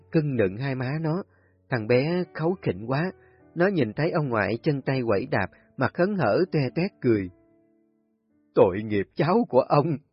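A man calmly narrating a family story in a steady storytelling voice. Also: medium pitch. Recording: husky voice, dull lo-fi audio, faint music.

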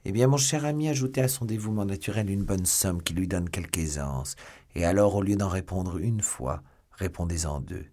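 A man reading an audiobook, voicing an eager, bold young swordsman with a lively delivery. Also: low voice, normal speed.

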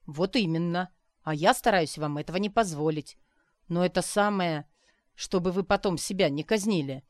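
A woman's voice: lowish voice, normal speed, dry recording, studio quality, lightly acted. A woman voicing a boorish, self-important male schoolteacher who barks and lectures. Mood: lecturing. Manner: gruff, barking, self-important.

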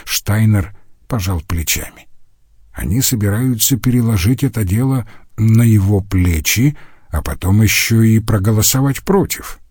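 A man reading a detective novel aloud as an audiobook narrator, measured and expressive. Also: on the low side, husky, no room sound, studio quality.

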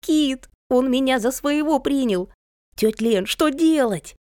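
Woman voicing a little boy, cheeky, eager, loud gleeful shouts, close dry sound. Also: high voice, animated, unhurried, dry recording, voice pushed up. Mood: excited.

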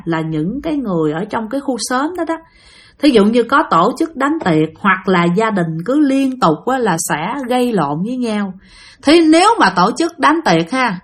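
In a mid-range, slightly bright voice, a woman tells a ghost story in a chatty way, speaking directly to her listeners.

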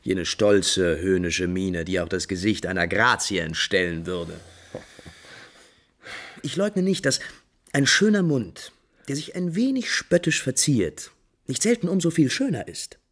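A man's voice: on the low side, big pitch swings, a little slow, fairly bright tone. An actor playing an imperious, moody, lovesick prince in classical German stage drama, theatrical and declamatory, lingering on his words. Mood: scornful.

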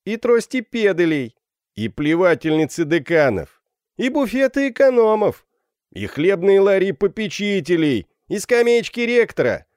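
Unruly young students shout mockery in high, loud, bouncing voices, as a man puts them on. The sound is dry and close. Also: big pitch swings, normal speed, no room sound. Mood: heckling. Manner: shouting, mocking.

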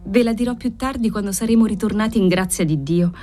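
A woman's voice: medium pitch, quick pace, warm tone, lightly acted. A woman reading aloud who voices a frail, devout young noblewoman, sometimes delirious and sometimes tender. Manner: delirious, crying out, then tender.

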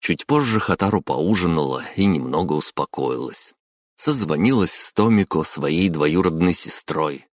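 Very deep-voiced male narrator. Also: animated, normal speed, no room sound, clean studio sound. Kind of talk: audiobook narration.

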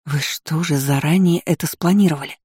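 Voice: medium pitch, fairly quick, a little mellow, husky, dry recording, studio quality. A reader voicing a young heroine who talks urgently and accusingly. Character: young heroine, defiant and angry vampire girl.

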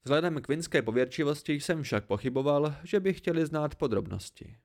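A man reading a novel aloud in calm first-person storytelling, an amateur audiobook narration. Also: fairly high pitch. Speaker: audiobook reader.

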